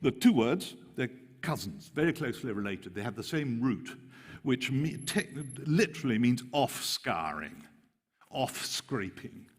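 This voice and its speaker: A man preaching a conference sermon, animated and mocking in tone when quoting scripture. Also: mid-range voice, measured pace, breathy edge. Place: large hall. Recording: long hall reverb.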